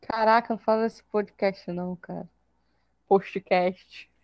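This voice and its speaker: A woman's voice: mid-range voice, fairly even intonation, a little slow, dry recording. Woman guest on a dull lo-fi recording. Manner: laughing, teasing recollection. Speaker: podcast guest. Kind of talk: casual podcast chat.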